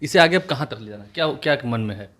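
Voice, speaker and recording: A man's voice: medium pitch, lively intonation, fast talker, a bit bright. A man interviewing a guest for a news channel, pressing him with follow-up questions.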